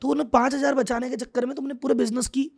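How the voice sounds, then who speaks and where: A middle-aged man, a business coach, explaining business lessons with animated examples and acted-out quotes. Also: very high voice, rapid-fire, creaky. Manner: animated, acts out quoted thoughts. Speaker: business coach, podcast guest.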